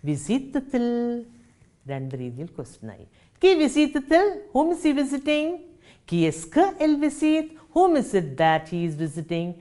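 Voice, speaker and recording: A woman with a Malayali accent teaching a French lesson, explaining each step and reading out French example sentences slowly and clearly. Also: high voice, very animated, warm tone. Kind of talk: recorded classroom lesson.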